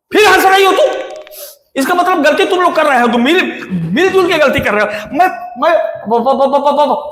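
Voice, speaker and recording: An exasperated village schoolmaster, stammering and half-laughing as he scolds his pupils. His voice sits high, and the room around it is echoey. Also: a bit bright. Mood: scolding. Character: flustered, exasperated village schoolmaster, middle-aged man. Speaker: village teacher. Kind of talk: rustic slapstick comedy sketch.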